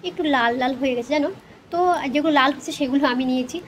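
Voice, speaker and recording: High-voiced Bengali woman chatting while eating. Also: very fast. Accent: West Bengal Bengali. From West Bengal, India. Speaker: food vlogger. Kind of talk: casual chat to viewers over a meal. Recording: clear background noise and ambience.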